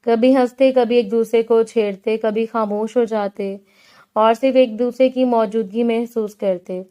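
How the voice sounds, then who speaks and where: A woman reading a romance novel aloud in a calm, unhurried manner. Her voice is fairly high yet mellow, with a smooth, clean tone. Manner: calm, gentle and unhurried storytelling. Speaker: audiobook narrator and author.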